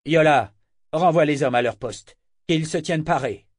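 A man's voice: on the high side, normal speed, dry recording, pitched above the performer's own voice, natural voice. A man voicing a stern male pirate captain who speaks curtly and dryly. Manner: curt and dry.

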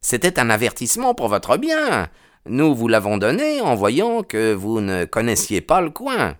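A man voicing two heavy, well-meaning male policemen in a storybook reading, with a high, reedy, warning tone. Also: huge pitch swings, unhurried. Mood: needling.

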